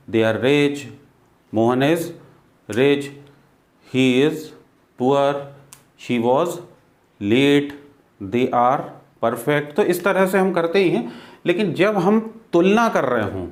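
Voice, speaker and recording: An Indian man leads a spoken English class at an unhurried pace. His voice sits a little high for a man, and he explains patiently, saying key words again and again so learners can drill them. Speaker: English teacher.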